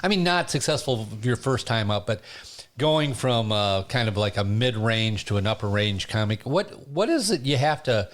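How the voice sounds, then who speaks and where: This is a man in his sixties hosting a relaxed conversation. His pitch swings freely as he spins self-deprecating stories, and he laughs easily along the way. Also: normal speed. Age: 60s. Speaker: podcast host. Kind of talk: casual conversation.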